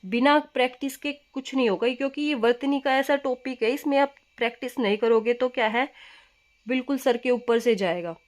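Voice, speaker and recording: A young adult woman teaching Hindi spelling for exams. She says each word slowly and keeps asking the class what it is. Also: a little high. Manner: repetitive teacher's questions, keeps asking "क्या है?"; drills words slowly, stressing correct spelling. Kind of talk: exam coaching lesson.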